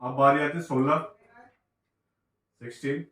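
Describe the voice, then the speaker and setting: A man teaching a beginner maths lesson, counting numbers aloud slowly, one by one. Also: medium pitch, fairly bright tone, far from the mic. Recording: echoey room, away from the mic.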